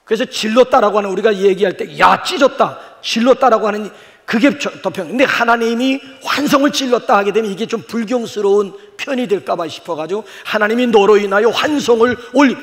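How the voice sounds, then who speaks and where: An older man, a pastor, preaching a sermon with folksy stories and sudden animated exclamations. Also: high voice, fast, in a large hall.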